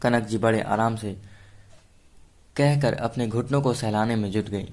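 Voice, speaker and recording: A male storyteller reading a romance story aloud in a steady, even manner. His voice sits somewhat low. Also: a little slow. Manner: steady narration. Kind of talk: scripted story narration.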